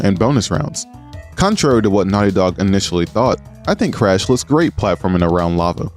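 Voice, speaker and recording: A man's voice: lowish voice, a little mellow. A man narrating a scripted video essay with earnest, appreciative commentary. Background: music.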